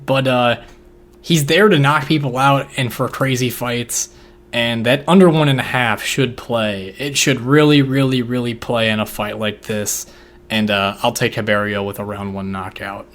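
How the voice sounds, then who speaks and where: A laid-back man talking through fight picks in casual conversation. His voice sits at an everyday middle pitch. He rambles along with slang and fillers. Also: fairly even intonation, normal speed, a bit bright. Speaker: podcast co-host making fight picks. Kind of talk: casual chat.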